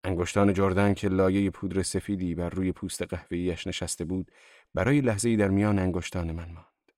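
Male narrator for a literary audiobook, deep voice, steady and measured, dry close mic. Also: no echo. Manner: calm, even literary narration. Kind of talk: audiobook reading of a novel.

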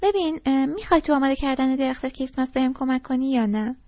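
A woman's voice: high voice, warm tone, no room sound. A woman voicing a prim, impatient teenage girl on a date, speaking curtly and with exasperation in a storybook reading. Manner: curt and exasperated. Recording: dull lo-fi recording.

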